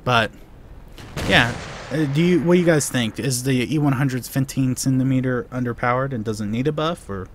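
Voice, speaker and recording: With a little hiss or hum on the recording, a young Korean-born man runs a live gameplay Q&A for his gaming channel. He speaks at normal speed in a medium pitch, rambling through viewer questions with frequent restarts and lots of "you know."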